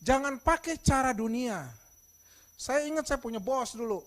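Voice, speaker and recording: A middle-aged man preaching a sermon, telling stories and acting out dialogue, swinging between soft and loud emphasis. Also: very high-pitched, lively intonation, normal speed. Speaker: pastor.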